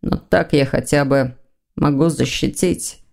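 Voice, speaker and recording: A proud young male demon with a sullen, snapping way of talking, as a woman reads him aloud. The voice sits lower than her narration and has a dark, mellow tone. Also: steady tone, unhurried, gravelly, exaggerated voice.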